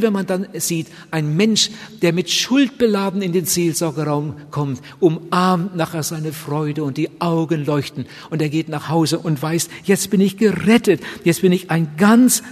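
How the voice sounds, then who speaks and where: Male preacher, high-pitched, earnest and emphatic delivery; recorded with a long echo in a big hall. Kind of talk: sermon.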